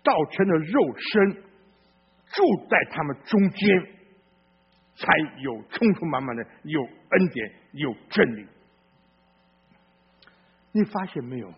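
A male pastor preaches in a blunt, folksy style, taking his time with long pauses and a breathy edge to his expressive voice. He swings between loud outbursts and low murmurs and asks his listeners questions. The recording is muffled.

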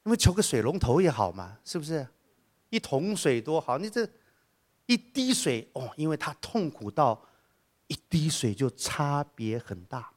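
A male preacher delivering a sermon with a lively, swooping delivery that leaps up high in his quoted lines. His voice sits a little higher than most men's, and he drops in humorous asides between the serious points. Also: moderate pace. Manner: lively, acts out quoted voices with big pitch jumps.

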